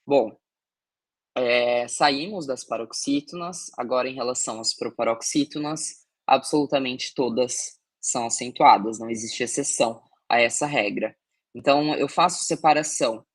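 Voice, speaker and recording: A man gives a recorded grammar lesson in an explanatory, step-by-step way. He pads his talk with fillers and checks in with the listener often. The voice sits at a middle pitch and sounds dry and close to the mic. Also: moderate pace, no echo. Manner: explanatory, many fillers and tag questions. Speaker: teacher.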